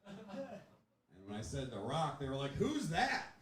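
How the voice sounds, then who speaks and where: A man doing a stand-up comedy set, animated and laughing at his own jokes as he acts out the people in his stories. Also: medium pitch, moderate pace. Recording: echoey room, distant mic, crowd.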